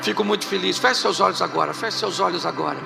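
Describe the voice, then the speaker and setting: A middle-aged Brazilian pastor from Rio de Janeiro with a Carioca accent, preaching a humorous sermon to a congregation and telling stories about himself. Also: male voice, high-pitched, fast talker, creaky, music in the background. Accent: Carioca Brazilian Portuguese. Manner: humorous storytelling preacher, laughing at his own jokes. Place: church hall with a live congregation.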